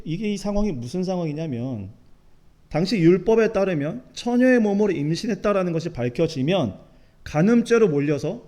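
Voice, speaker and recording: A man's voice: high voice, dark tone. A man preaching a Sunday sermon as pastor, telling everyday stories and acting out the lines of churchgoers. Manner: storytelling, acts out dialogue of churchgoers. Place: church sanctuary.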